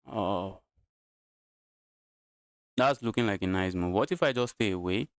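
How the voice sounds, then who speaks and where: A Nigerian man talks through his chess game on a live stream, repeating short phrases as he weighs each move. His voice sits a little low and comes across clean and resonant. The sound is dry, with very little room echo. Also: unhurried. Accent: Nigerian English. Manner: thinks aloud, repeats phrases.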